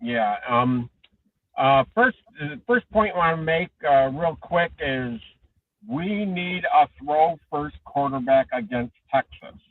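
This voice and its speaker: A man calling in to a sports talk show over a phone headset, his voice muffled as if heard through a wall, talking haltingly with many ums and restarts. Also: a little high, lively intonation, no echo. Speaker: caller. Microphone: Bluetooth phone headset. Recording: muffled far-off phone line.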